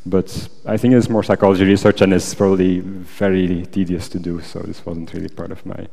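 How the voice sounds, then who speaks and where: A PhD candidate with a deep, creaky, mellow voice answers examiner questions at his thesis defense, speaking a little fast with little pitch movement. He is hesitant and hedges with many qualifications. It takes place in a large wooden lecture auditorium, recorded with echo and long reverb.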